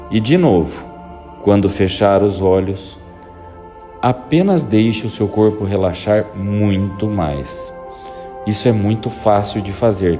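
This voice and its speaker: A man with a very low, mellow voice leads a hypnosis session. He gives slow, soothing, repeated instructions over faint background music. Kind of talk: guided hypnosis induction.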